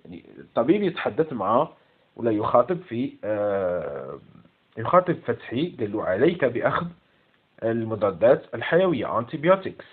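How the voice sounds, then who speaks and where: A man's voice: medium pitch, very animated, normal speed, husky. A man with an Algerian Arabic accent corrects an English exam, repeating each English word and explaining it in Arabic. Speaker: English teacher. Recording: tinny phone-like sound.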